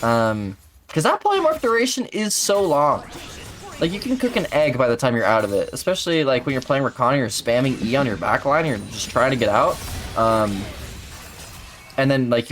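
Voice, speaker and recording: A man's voice: medium pitch, sing-song, moderate pace, fairly bright tone. A man giving casual esports color commentary, chatty and loose, full of fillers and gamer slang.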